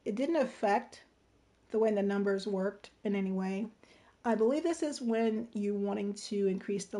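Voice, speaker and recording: This is a casual game-design tutorial from a woman livestreaming late, guiding her audience through a game-building tool and asking "right?" and "okay?" along the way. Her medium-pitched voice sounds soft and informal, with slight hoarseness and strain from talking.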